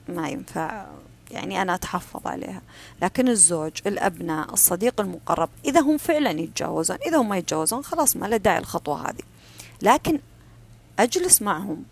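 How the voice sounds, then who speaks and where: A woman giving a calm, firm advice talk. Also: medium pitch, vocal fry, slightly rough. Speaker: self-help speaker. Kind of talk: advice talk on personal boundaries.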